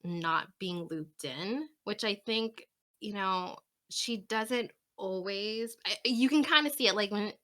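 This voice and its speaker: A woman with a mid-pitched, bright voice co-hosts a book discussion podcast. She rambles and hesitates, laughing often. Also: slow. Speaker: podcast co-host. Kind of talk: casual book discussion chat.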